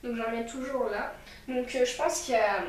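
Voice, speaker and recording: A woman's voice: fairly high pitch, moderate pace, echoey room, a little hiss or hum, poor audio. A woman beauty vlogger reviewing a makeup kit in a rambling, chatty way, talking straight to her viewers. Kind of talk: casual makeup review and tutorial.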